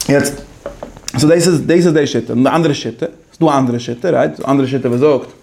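Gravelly, animated man teaching. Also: medium pitch. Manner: halting, restarts, animated, laughs often. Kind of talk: casual lecture mixing languages.

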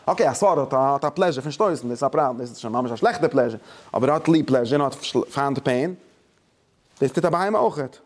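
A man teaching a religious study lesson in a middle-pitched voice. He explains with emphasis, breaks off and restarts often, and drops English words into his German. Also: animated, fast talker.

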